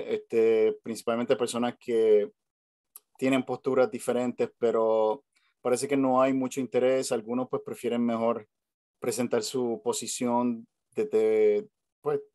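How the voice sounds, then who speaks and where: A man from Puerto Rico, speaking with a Puerto Rican Spanish accent, hosts a casual video call chat, hesitating often with fillers and restarts while family noise drifts in from home. His medium-pitched voice is flat and a little mellow at a moderate pace, recorded dry in studio quality.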